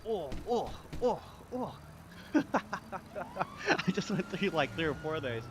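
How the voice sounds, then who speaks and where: Pedaling an exercise bike on a live stream, a young Aussie talks slowly in a high, very animated voice, reading out comments from viewers. He's upbeat, laughs often and thanks people warmly, with game audio and traffic noise in the background.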